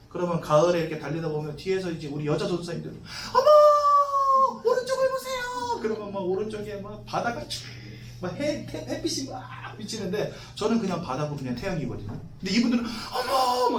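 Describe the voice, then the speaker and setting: A man's voice: fairly high pitch, expressive, fast, roomy sound, recorded from a distance, a little hiss or hum. A man in his forties, a pastor preaching to new members in a conversational way, asking the congregation questions and joking. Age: 40s. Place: church hall.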